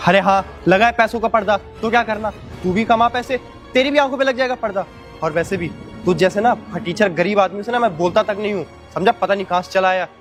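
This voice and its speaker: A man plays an arrogant rich young man who talks down with open contempt. He speaks high and very fast, and faint music runs under the amateur skit. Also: natural voice. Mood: scornful. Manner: insulting, contemptuous.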